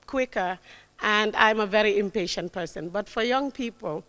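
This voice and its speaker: A guest speaker in her forties gives a warm, emphatic motivational talk to young people, repeating key words and often checking in with "right?". Her voice is medium in pitch at a normal speed, and the lecture hall adds long reverb.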